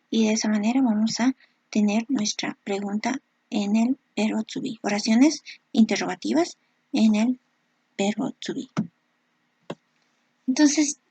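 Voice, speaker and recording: Lady teacher explaining grammar slow and patient, kinda high voice, a bit husky, dry close mic. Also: darkish tone, no echo. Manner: slow, patient explaining with frequent check-ins. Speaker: English teacher. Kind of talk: online grammar lesson.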